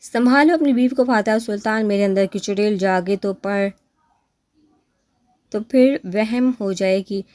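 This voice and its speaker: A woman reading the loud, sharp lines of a fiery young wife in an audio novel. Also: medium pitch, no room sound, natural voice.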